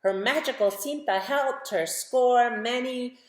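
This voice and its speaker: A woman whose voice sits on the high side reads a picture book aloud to kids at a slow pace, with expression and questions for her young listeners. The storytime recording has a roomy, echoing sound.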